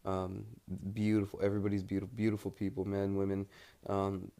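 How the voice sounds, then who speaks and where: A young American man studying abroad keeps a casual, rambling audio diary. His voice is low, even and clean, and he sounds hesitant, pausing often in the middle of his thoughts.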